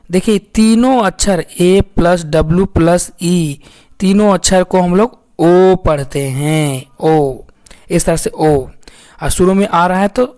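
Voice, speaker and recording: A man gives a pronunciation lesson, breaking English words into single letters and sounds. He talks slowly and patiently and says the same thing more than once. He keeps turning to his viewers and calling them friends. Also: high-pitched, darkish tone. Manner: slow, repetitive, keeps addressing viewers as friends.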